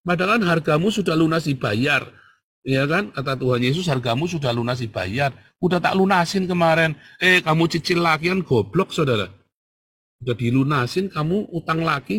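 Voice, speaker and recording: A male pastor, preaching a sermon in a blunt, scolding way, mixing in slangy asides and sudden loud bursts. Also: medium pitch, husky.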